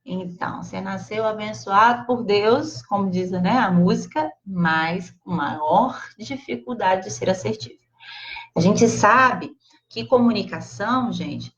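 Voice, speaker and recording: A Brazilian woman with a Brazilian Portuguese accent giving a casual, expressive live class, chatting directly to her audience. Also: medium pitch, unhurried. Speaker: psychologist teaching a live class. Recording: slightly dull lo-fi livestream audio.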